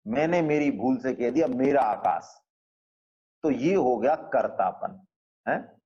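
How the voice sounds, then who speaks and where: A man gives a scripture lesson in an unhurried, explanatory way. He often pauses to ask his listeners rhetorical questions. His voice is of ordinary pitch, and the recording sounds muffled and lo-fi. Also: expressive, warm tone. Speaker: Gita class teacher.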